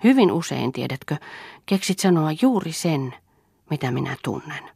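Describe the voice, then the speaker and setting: A woman reading the part of an earnest, thoughtful young orphan woman in a soft, slightly raised voice. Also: low-pitched, big pitch swings, vocal fry, slightly rough, no room sound, clean studio sound, full character voice.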